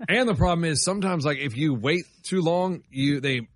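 A man's voice: on the high side, moderate pace, dry recording, studio quality. A man in his forties chatting casually on a radio show, easygoing and explaining himself. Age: 40s.

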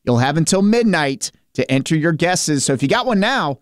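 Male radio DJ, high-pitched, smooth crisp voice, dry studio sound, upbeat promo delivery. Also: expressive, moderate pace, dry recording. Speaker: country radio DJ.

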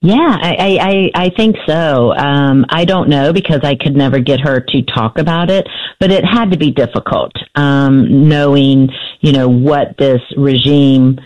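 A woman's voice: low-pitched, measured pace, darkish tone. A middle-aged woman, an author and radio guest, telling her family story hesitantly with many fillers and restarts, heard through a dull lo-fi AM radio sound. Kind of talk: radio interview, personal storytelling.

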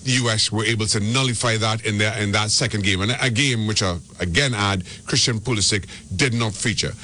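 A man's voice: lowish voice, a little fast, pushed and bright, a little hiss or hum. A man from Trinidad and Tobago, giving soccer analysis as a radio guest and often restarting his words. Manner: repeats and restarts words when making a point. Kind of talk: radio sports talk.

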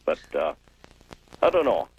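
Deep, husky-voiced male radio caller. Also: wildly swooping pitch, highs cut off. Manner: halting, meandering. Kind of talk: rambling casual anecdote.

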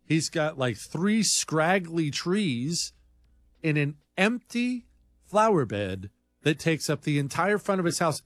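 A man's voice: on the high side, no room sound. A man hosting a talk show, delivering a blunt, combative monologue full of rambling asides. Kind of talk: opinionated radio-style monologue.

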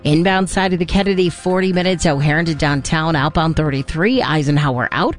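Loud, dense radio traffic woman. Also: sits low, faint music behind. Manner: loud, dense, rapid-fire radio delivery. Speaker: traffic reporter.

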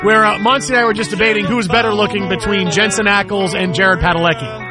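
In a radio studio with music in the background, a man hosts sports talk radio in a high, steady voice at a quick pace. His commentary is casual and opinionated, delivered emphatically with repetition and rhetorical questions.

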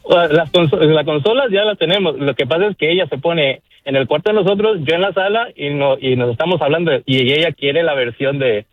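A man's voice: a little high, fairly quick, hardly any pauses, no echo, phone-quality sound. A man in his thirties from Guatemala, calling in to a radio show and chatting in a friendly, hesitant way. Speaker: radio caller. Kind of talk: phone-in chat.

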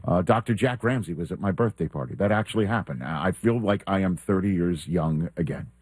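A man's voice: deep voice, fairly quick, a little mellow, husky, no echo. Chatty man hosting a sports show. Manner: chatty, laughing, lots of ums. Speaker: sports talk show host. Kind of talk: casual sports talk. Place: radio studio.

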